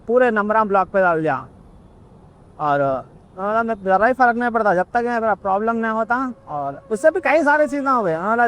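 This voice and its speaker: A man's voice: high-pitched, fairly bright tone. A young man telling a rambling, repetitive personal story in a casual vlog. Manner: rambling, repetitive, emotional retelling.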